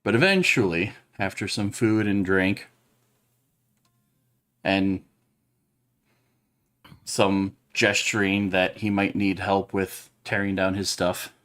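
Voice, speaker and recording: A man describing his character's actions during an online tabletop role-playing game, in slow, drawn-out narration. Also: low-pitched, steady tone, fairly bright tone. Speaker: player.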